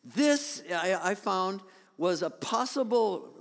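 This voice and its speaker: This pastor's voice sits high, with big swings in pitch, a slow pace, and vocal fry. Addressing his congregation in a conversational sermon, he displays pictures on a screen and keeps restarting sentences. Long hall reverb colors the sound.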